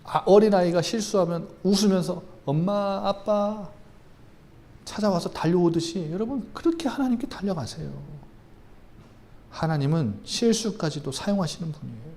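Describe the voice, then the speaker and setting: A man's voice: sits high, expressive, a little fast, warm tone, a little hiss or hum. A man preaching a sermon as a pastor in a church, emphatic and conversational, with sudden rises in intensity.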